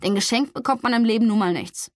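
A stern young man, read by a woman in her own fairly high voice, firm and brisk as he lectures. The sound is close and dry, with no room around it. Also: no echo, natural voice.

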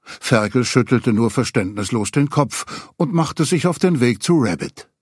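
A man reading a children's story aloud, expressive storyteller. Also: medium pitch, creaky, breathy edge, no room sound, studio quality. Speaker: narrator.

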